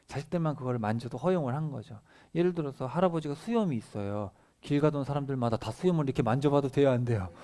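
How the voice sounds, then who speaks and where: A man's voice: medium pitch, quick pace, few pauses, dark tone. Man preaching a family Bible lesson. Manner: reads passages aloud then explains them simply, asking the children questions. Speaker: pastor. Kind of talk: family sermon reading and explaining scripture.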